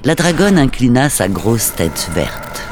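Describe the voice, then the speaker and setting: Expressive man reading a storybook. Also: mid-range voice, slow pace, slight background noise. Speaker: narrator. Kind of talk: storybook narration. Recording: music bed under voice.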